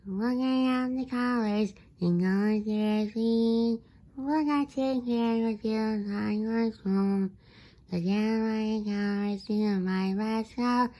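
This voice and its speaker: A woman's voice: fairly high pitch, fairly even intonation, slow, mellow. A woman voicing cartoon characters in a playful fan dub, with a sing-song, childlike delivery.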